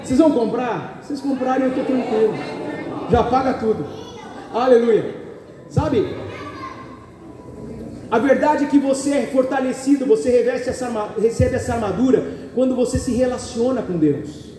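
Brazilian male pastor, high-pitched and warm, sermon with jokes and call-and-response, roomy hall sound from a distance. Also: normal speed, long pauses, a little hiss or hum. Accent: Brazilian Portuguese. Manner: preaching with audience call-and-response, joking asides. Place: church hall. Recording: echoey hall, picked up from far.

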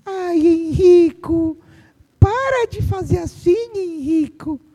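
A man voicing a timid, overly gentle female schoolteacher in a high, soft, pleading voice. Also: slow, in a large hall, heavily acted. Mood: meek.

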